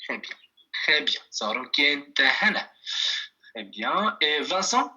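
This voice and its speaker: A man leads an online language lesson over a video call. His voice is bright and clear, and he talks very slowly, repeating phrases patiently for his students. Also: a little high, very animated. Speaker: language teacher. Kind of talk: online class teaching.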